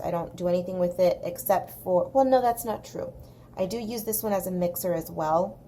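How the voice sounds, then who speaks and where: Her voice sits mid-range with a darkish tone, dry-throated and slightly gravelly with some vocal fry. She leads a coloring tutorial from an indoor craft desk, chatting casually and emphatically in a faint SoCal Valley-girl accent and saying things twice to drive them home. You can clearly hear background noise.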